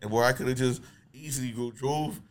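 A man co-hosting a podcast, telling anecdotes with animated emphasis. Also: medium pitch, a little fast. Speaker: podcast co-host. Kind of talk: casual chat.

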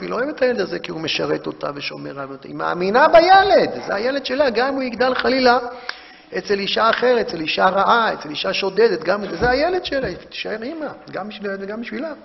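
A man giving an impassioned Torah lecture, rising to loud emphasis and halting to restart his words. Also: high voice, gravelly. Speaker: rabbi teaching a memorial class. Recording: dull recording in a reverberant hall.

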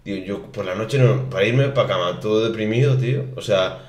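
A man's voice: lowish voice, brisk, darkish tone. Rambling young man in a roomy room. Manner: rambling, restarts often, says "tío". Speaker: podcast co-host. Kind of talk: casual chat. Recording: roomy echo.

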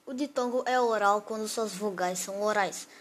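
A woman's voice: medium pitch, very noisy. Woman reading a grammar lesson. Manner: reads definitions and word lists slowly, one example at a time. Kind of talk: read-aloud grammar lesson.

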